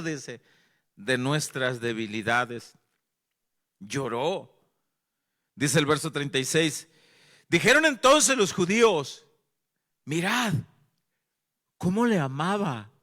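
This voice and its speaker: A man's voice: on the high side, pushed and bright. A male pastor with a Mexican accent, preaching a sermon with earnest storytelling and repeated phrases. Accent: Mexican Spanish.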